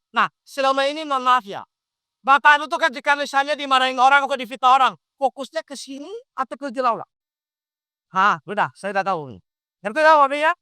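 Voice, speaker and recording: Lively preacher quizzing his audience. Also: very high voice, clean tone, no room sound, clean studio sound. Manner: animated, quizzes the audience with questions. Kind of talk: lively interactive sermon.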